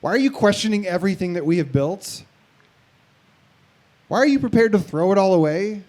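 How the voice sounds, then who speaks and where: A man's voice: high-pitched, expressive, brisk, darkish tone. A man voicing an anxious, accusing inner old self.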